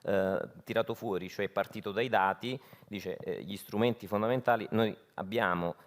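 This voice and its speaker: A man's voice: lowish voice, steady tone, moderate pace. A man moderating a conference, thanking and introducing speakers in an informal, spontaneous way.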